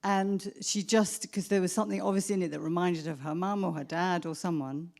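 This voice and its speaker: A woman psychotherapist answering an audience question, reflective and measured, often restarting her sentences. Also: lowish voice, fairly even intonation, creaky, a little mellow. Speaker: psychotherapist speaker. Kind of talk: Q&A answer at a professional event.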